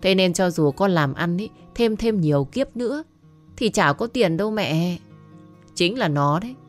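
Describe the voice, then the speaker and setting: Narrator putting on a sloppy drunk gambler son, whiny and selfish, in an audio story. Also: female voice, fairly low pitch, animated, normal speed, faint music behind, lightly acted. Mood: spiteful. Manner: slurred, whiny, demanding.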